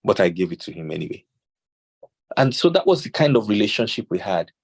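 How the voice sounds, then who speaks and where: With a fairly low, husky voice and vocal fry, a Nigerian man speaks briskly on parenting. He recounts stories, cites scripture and dramatizes the quoted lines with animation.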